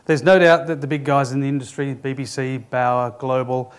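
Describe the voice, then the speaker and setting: A man's voice: mid-range voice, little pitch movement, crowd noise. Man giving a conference talk. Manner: measured, explanatory, addresses the audience directly. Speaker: conference speaker, former radio executive. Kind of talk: conference presentation.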